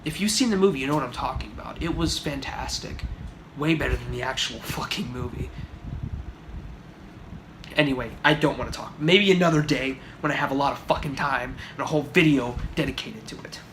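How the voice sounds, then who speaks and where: A man's voice: medium pitch, fairly quick, fairly bright tone. A young man giving an exasperated, profane, sarcastic movie review rant on his vlog. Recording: noisy home recording.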